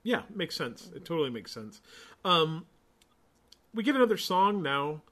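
A man with a slightly higher voice trades sarcastic, wry remarks in a loose, casual chat. He sounds amused and easygoing while making fun of a movie. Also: very animated, a little slow, fairly bright tone.

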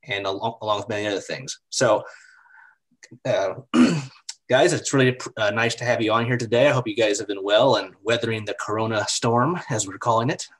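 A man's voice: fairly low pitch, moderate pace, a bit bright. A man hosting a podcast interview, upbeat and chatty with lots of "you know"s. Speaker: podcast host.

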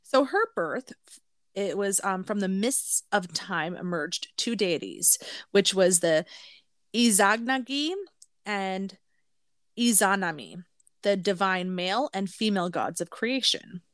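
A woman's voice: mid-range voice, animated, slow, a bit bright, dry recording, clean studio sound. A woman co-hosting a podcast in a casual, playful and informal way. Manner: giggly, playful. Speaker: podcast co-host. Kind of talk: casual chat with some reading from notes.

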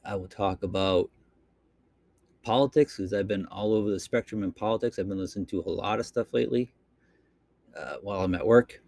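This Boston-accented man from Boston delivers a loose solo podcast monologue into a computer mic, restarting often and leaning on fillers. His pitch is fairly low and slightly mellow, with vocal fry, a fairly quick pace, and long pauses. The recording is dry.

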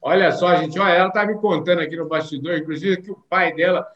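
High, bright enthusiastic man host. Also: steady tone, fast talker, muffled recording. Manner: enthusiastic, effusive, sing-song emphasis. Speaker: podcast host. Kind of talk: upbeat interview hosting.

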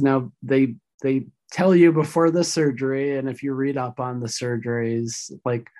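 A woman guest in a casual interview, explaining things thoughtfully, her voice a little rough after vocal surgery. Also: a bass voice, darkish tone.

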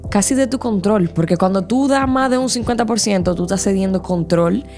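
A woman, co-hosting a podcast in casual chat and asking quick, probing questions. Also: medium pitch, darkish tone, soft background music. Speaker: podcast co-host.

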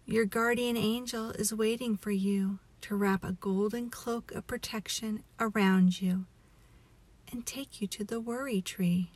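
A woman leading a guided relaxation meditation as a story, in a soothing, hushed, breathy voice that often nears a whisper. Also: mid-range voice, steady tone, dry recording. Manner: slow, soothing, hushed delivery.

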